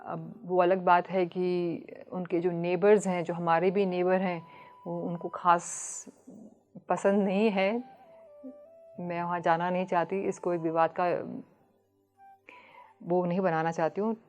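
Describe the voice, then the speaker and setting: A woman, a Buddhist nun, speaking in a calm, measured way as a podcast guest, slipping English phrases into her talk. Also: lowish voice, muffled recording, soft background music.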